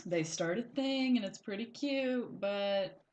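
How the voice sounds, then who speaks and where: A podcast co-host with a mid-range, darkish, expressive voice chats casually at a slow pace. She rambles through a recap full of fillers and giggles.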